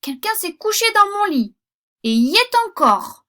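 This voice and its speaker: A woman voicing a tiny little bear cub in a storybook reading, in a high, squeaky voice. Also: sing-song, unhurried, pushed and bright, exaggerated voice. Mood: upset.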